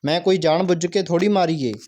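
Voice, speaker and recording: A man's voice: fairly high pitch, quick pace, a little mellow, close to an everyday voice. A man reading the part of an innocent village boy in a school play, protesting in his own voice.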